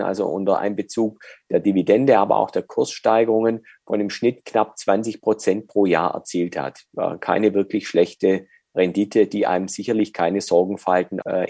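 A man explaining dividends and withholding tax as an interview guest, measured and with frequent hesitations. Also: fairly low pitch, mellow, no echo, studio quality.

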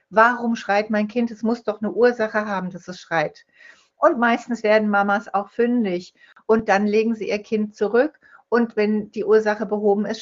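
A woman speaking as an interview guest, telling stories and playing out the lines of the people in them. The recording sounds dull and lo-fi. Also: mid-range voice. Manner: storytelling, acts out quoted speech. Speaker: guest, holistic dental health speaker. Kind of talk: conversational interview.

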